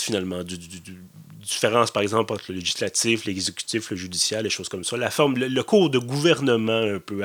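A man's voice: fairly low pitch, fairly bright tone. A man with a Québécois French accent hosting a podcast, talking through a film review in a casual, hesitant way with many fillers and self-corrections. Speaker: podcast host and film critic.

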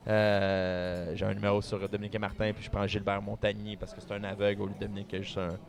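A man's voice: lowish voice, fast, crowd noise. A man with a Québécois accent, a magician chatting casually in an interview and acting out audience reactions. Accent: Québécois French. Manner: animated, acts out audience reactions. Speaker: magician and stage performer.

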